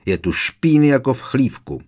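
A man's voice: mid-range voice, sing-song, a little mellow, voice pushed up. A man voicing an irritable, scornful grown man who talks sharply and impatiently, in an audiobook.

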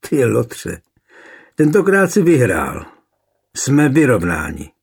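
A man's voice: medium pitch, huge pitch swings, darkish tone, breathy edge, heavily acted. A man reading an audiobook voices a defiant, scheming young noblewoman held captive, spitting insults at her husband.

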